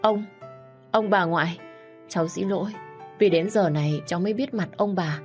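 A woman's voice: on the low side, moderate pace, soft background music, voice pushed up, close to an everyday voice. A woman voicing a young man who politely and remorsefully apologizes to his grandparents in a storybook reading. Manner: polite, deferential.

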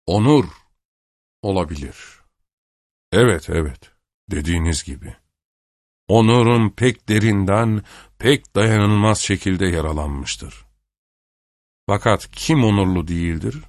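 A man's voice: on the low side, unhurried, long pauses, no room sound, clean studio sound. A man reading a sneering, spiteful man who mocks his former friend with sarcastic taunts, in an audiobook. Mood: bitter.

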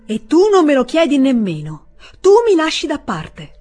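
A woman's voice: lowish voice, moderate pace, soft background music, close to an everyday voice. A woman voicing a proud, resentful middle-aged senator with a raised, reproachful voice. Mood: indignant.

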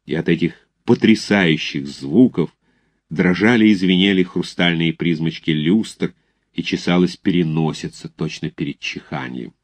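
A man narrating a literary audiobook in an expressive, theatrical manner. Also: sits low, measured pace.

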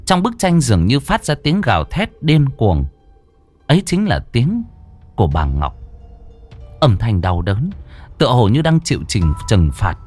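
A man narrating a horror story with a dramatic, expressive reading. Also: mid-range voice, unhurried, pauses often, soft background music.

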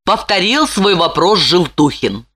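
A woman narrating an audiobook in an expressive way. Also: lowish voice, unhurried, breathy edge. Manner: expressive, lively.

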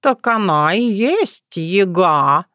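A woman voicing a sly talking male cat, slow and purring. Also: medium pitch, expressive, fairly bright tone, clear, resonant tone, dry recording, clean studio sound. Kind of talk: audiobook character voice.

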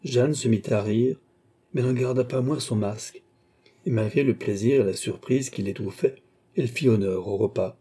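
A man reading classic novel narration in a measured, even manner. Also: medium pitch, slightly rough. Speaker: audiobook narrator. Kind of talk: scripted narration.

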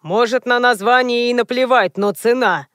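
A woman's voice: on the high side, moderate pace, fairly bright tone, no room sound, clean studio sound, close to an everyday voice. A woman reading aloud and voicing a stubborn old man who grumbles and nitpicks over details. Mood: grumbling. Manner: grumbling and pedantic.

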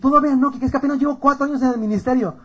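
A man's voice: very high voice, steady tone, racing, a bit bright, highs cut off, pitched above the performer's own voice. A man with a Mexican accent voicing a defensive young male churchgoer who stammers out excuses. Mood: pleading.

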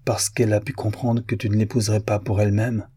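A man voicing a gentle, warm-hearted elder brother in an audiobook, earnest and softly pressing. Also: on the low side, flat delivery, fast, slightly rough. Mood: gentle, hushed. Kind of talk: audiobook character reading.

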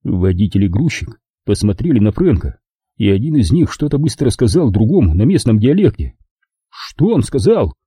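A man reading an audiobook aloud with lively storytelling narration. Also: fairly low pitch, brisk, breathy edge, no echo, studio quality. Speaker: audiobook reader. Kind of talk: scripted narration.

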